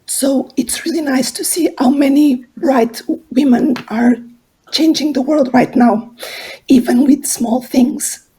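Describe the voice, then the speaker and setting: A hoarse, husky woman gives an earnest conference talk, telling it like a story. Her voice sits high but has a mellow, soft tone. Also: takes it slowly. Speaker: conference speaker.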